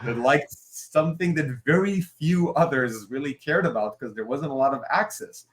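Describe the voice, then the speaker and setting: As a guest being interviewed, a Hebrew-speaking comic writer and creative director from Israel, in his forties, talks loosely and wanders into asides and fillers. His voice sits somewhat high and expressive at a normal pace, with slight background noise behind it.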